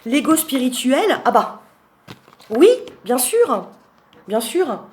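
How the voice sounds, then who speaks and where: A woman with a high, slightly mellow voice takes her time, her pitch swinging widely as she casually presents a tarot deck card by card. She rambles with fillers and asides, lifting her voice to emphasize each card's name.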